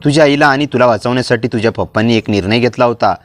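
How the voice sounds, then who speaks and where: A man voicing a protective middle-aged aunt who speaks in hushed, urgent tones in a storybook. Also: medium pitch, fast talker, no room sound, studio quality, close to an everyday voice.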